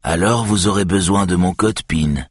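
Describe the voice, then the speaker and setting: A man voicing a sly, capricious older male former TV host with a raspy, mocking way of talking. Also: low voice, moderate pace, dry recording, clean studio sound. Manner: taunting, mocking.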